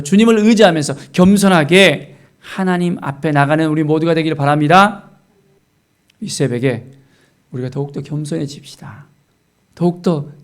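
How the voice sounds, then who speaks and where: A male pastor preaching a dawn prayer sermon, rising to loud pleading prayers and dropping to hushed whispers. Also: fairly high pitch, creaky.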